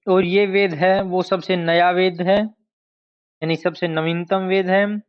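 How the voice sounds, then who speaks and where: Slow, deliberate Hindi history teacher, lo-fi. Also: male voice, high voice, level tone, clean tone. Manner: slow, deliberate, repeats key terms to drill them. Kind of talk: exam-prep lecture. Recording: dull lo-fi sound.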